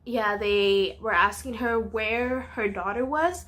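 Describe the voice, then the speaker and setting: A woman's voice: a little high, slow, a bit bright. A woman casually telling a personal story in a vlog, earnest and full of "um" and "you know".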